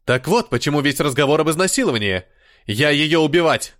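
A man voicing Ragen, a violent, hot-tempered male protector who snarls and shouts fast, in an audiobook. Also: on the high side, lively intonation. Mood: furious.

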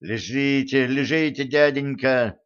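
A man's voice: mid-range voice, a little slow, smooth, dull audio, lightly acted. A man voicing an earnest fourteen-year-old village boy in a wartime audiobook, with a thin, breaking voice and urgent delivery.

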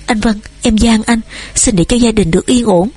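A woman voicing a gentle young wife who pleads in a choked voice, husky in tone. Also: a little high, fairly quick, dry recording. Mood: pleading.

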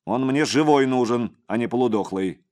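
A man's voice: medium pitch, normal speed, a little mellow, pitched above the performer's own voice, natural voice. A man voicing a domineering middle-aged crime boss who barks out scolding commands. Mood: commanding.

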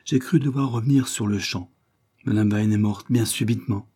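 A man's voice: fairly low pitch, fairly even intonation, normal speed, mellow, breathy edge. A man reading the part of an anguished young wife in an audiobook, in an urgent, pleading tone. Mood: anxious.

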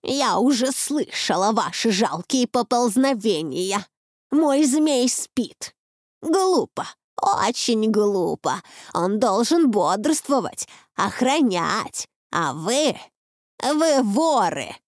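A woman voicing an ancient, wrathful forest witch in an audiobook, with a creaky, icy voice and slow, scornful speech. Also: a little high, sing-song, dry recording, clean studio sound. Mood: menacing. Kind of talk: audiobook reading.

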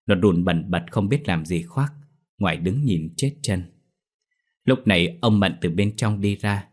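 Low husky male storyteller. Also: lively intonation, measured pace. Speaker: narrator. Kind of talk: scripted horror story narration.

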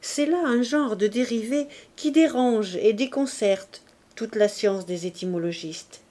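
A woman reading a classic novel aloud as audiobook narrator, in a calm, measured way. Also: a little high. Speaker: audiobook reader. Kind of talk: scripted narration.

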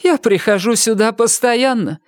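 A woman's voice: moderate pace, dry recording, studio quality, lightly acted. Narrator putting on a quavering, fussy old woman. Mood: shaken. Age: older. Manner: high quavering pleas. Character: shaken elderly woman, fussy and plaintive.

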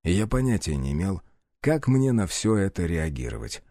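A male audiobook narrator tells a first-person story in a wry, expressive manner. His voice is dark and mellow with a lively rise and fall, recorded dry and close. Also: deep voice, moderate pace, no echo.

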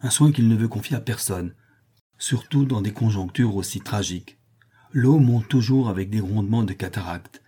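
A male audiobook reader with a low, husky and dark voice. He narrates the story with dramatic, heightened delivery. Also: moderate pace. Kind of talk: scripted narration.

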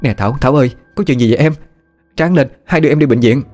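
A man's voice: mid-range voice, quick pace, a little mellow, soft background music, pitched above the performer's own voice, close to an everyday voice. A man doing an anxious older sister. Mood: worried. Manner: urgent, worried. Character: caring older sister, young woman, anxious.

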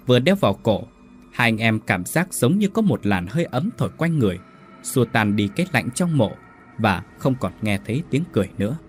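A man narrating a ghost story in a suspenseful, expressive scripted style. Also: medium pitch, a little fast, faint music behind.

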